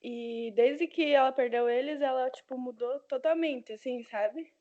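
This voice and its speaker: A woman's voice: high-pitched, measured pace, mellow. A young woman, a student in an online class, telling a story in a rambling way with many fillers. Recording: dull lo-fi online call audio.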